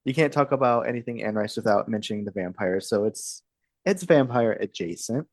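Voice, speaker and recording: Relaxed hesitant woman in her thirties. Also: very deep voice, a little fast, dry recording. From Texas. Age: 30s. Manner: relaxed, hesitant, with fillers and laughs. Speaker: podcast co-host. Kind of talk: casual chat.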